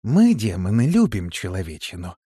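A male audiobook reader voicing a cruel female demon who speaks in a cold, hissing, deadpan way. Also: lowish voice, moderate pace, slightly rough, dry recording, studio quality, full character voice. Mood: icy. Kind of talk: audiobook character voice.

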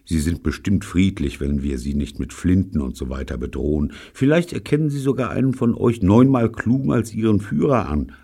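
A man reading aloud, voicing a calm, patient adult schoolmaster who lectures in a dry, level way. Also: sits low, moderate pace, vocal fry, few pauses, breathy edge, exaggerated voice. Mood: calm, lecturing.

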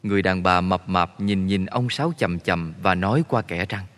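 A man narrating a story in a steady, measured way. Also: low-pitched. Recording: long reverb.

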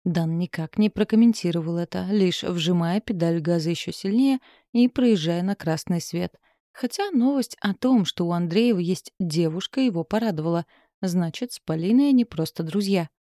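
Woman, audiobook narration, steady measured reading, dark warm tone, dry. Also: lowish voice, no echo.

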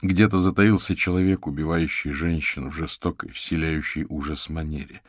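A man narrating an audiobook in a measured, dramatic storytelling manner. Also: a bass voice, steady tone, dry recording, clean studio sound. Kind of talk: scripted narration.

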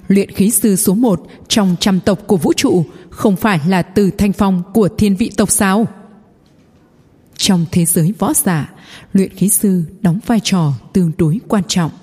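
A woman's voice: fairly low pitch, warm tone, husky. A woman reading a scripted fantasy story as an audiobook narrator. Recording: long hall reverb.

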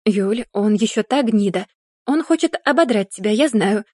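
A woman's voice: medium pitch, expressive, normal speed, mellow, no room sound, clean studio sound, natural voice. A woman reading the part of a hot-tempered young boxer who talks down to the heroine in an audiobook. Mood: urgent. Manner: pushy, condescending.

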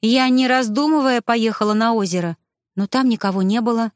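Shrill, agitated ghost wife, high and loud, as the narrator puts her on. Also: a little fast, no echo, studio quality, close to an everyday voice. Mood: distraught. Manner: excited, exclaiming.

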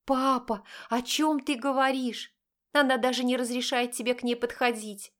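A woman's voice: a little high, little pitch movement, normal speed, fairly bright tone, voice pushed up, close to an everyday voice. A woman voicing a young woman in an audiobook, pleading and emotional, rising and insistent. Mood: desperate. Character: desperate young woman pleading with her father. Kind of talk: audiobook character voice.

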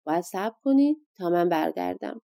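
A woman's voice: fairly low pitch, expressive, gravelly, dark tone, dry recording. A woman voicing an earnest young man on a quest in a storybook reading.

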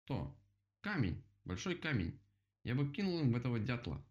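A man voicing a grumpy, quick-tempered male rabbit in a children's story, whiny and irritable. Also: mid-range voice, big pitch swings, pitched above the performer's own voice, close to an everyday voice. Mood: sulky. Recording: dull lo-fi recording.

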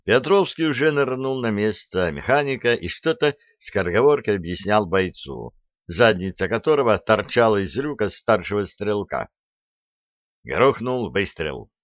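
A man reading a first-person audiobook as narrator, telling it in a lively, expressive way. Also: lowish voice, normal speed, dry recording, muffled recording.

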